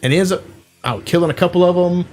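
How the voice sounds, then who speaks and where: A man's voice: high-pitched, racing, a little mellow, a little hiss or hum. Rambling man retelling a movie. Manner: rambling, filler-heavy storytelling, acts out quotes. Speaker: podcast host. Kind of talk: casual chat.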